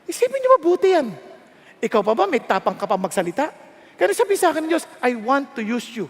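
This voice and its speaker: A man with a Filipino accent preaching a sermon as a pastor, self-mocking and animated, swinging from shouts to hushed asides. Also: extremely high pitch, fast talker. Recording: reverberant hall.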